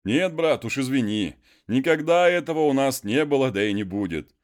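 A man's voice: medium pitch, animated, normal speed, voice pushed up, natural voice. A man doing jeering peasant workmen.

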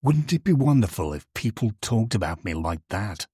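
A man voicing an old, lonely male street lantern in a storybook reading, complaining and daydreaming, with a husky voice. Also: lowish voice, sing-song, moderate pace, warm tone, dry recording, studio quality, exaggerated voice. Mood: dreaming.

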